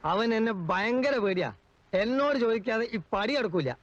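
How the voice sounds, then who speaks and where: Brief: sharp-tongued comic servant, high-pitched man, dry close film sound. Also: expressive, no room sound, lo-fi sound. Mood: boastful. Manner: quick-tongued, argumentative, comic. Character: cheeky talkative middle-aged male house servant. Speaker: film actor. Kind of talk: 1980s film comedy acting.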